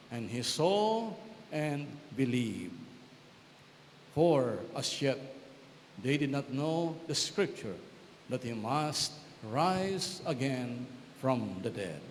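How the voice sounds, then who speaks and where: A man with a fairly high-pitched voice proclaims scripture as a priest in a solemn, formal liturgy. His words are measured and ring through cathedral-like echo and long reverb. Some background noise sits behind him. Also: big pitch swings. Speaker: priest reading the Gospel. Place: large church, amplified.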